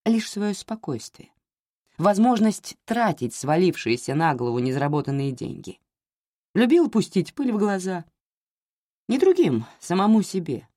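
A woman reading a novel aloud as an audiobook narrator, measured and expressive. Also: on the low side, dry recording, clean studio sound.

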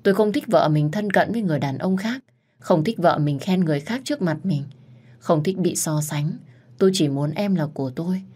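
A devoted young husband speaks in a low voice, earnest and openly possessive of his wife, as a woman narrator puts him on. This is a storybook reading, with the husband's lines coming from the same reader. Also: brisk, warm tone, slightly rough. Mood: jealous.

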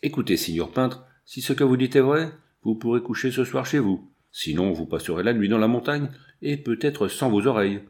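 A man's voice: medium pitch, expressive, moderate pace, few pauses, a little mellow, lightly acted. A man reading the part of a menacing, greedy brigand chief who sneers at his captive, with Italian oaths. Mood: threatening. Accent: Italian words sprinkled in French. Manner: sneering, scornful.

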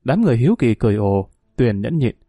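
A man narrating a story in an expressive, dramatic audiobook reading. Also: mid-range voice, fast, dry recording, studio quality.

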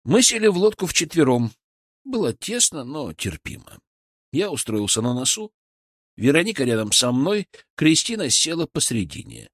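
A man narrating a first-person fantasy audiobook in an expressive, storytelling way. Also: fairly high pitch, normal speed, dry recording, clean studio sound.

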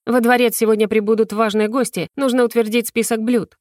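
A woman's voice: fairly high pitch, level tone, a little fast, darkish tone, no room sound, studio quality, lightly acted. A woman voicing an arrogant, scheming female former favorite of a ruler in an audiobook, sneering and haughty. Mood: bossy. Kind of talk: audiobook character voice.

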